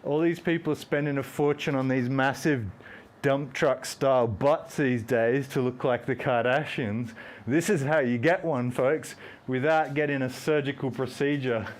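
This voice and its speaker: An Australian man hosts a fitness live stream, rambling and joking while doing squats and counting reps out loud. His mid-range voice keeps a steady tone at a moderate pace.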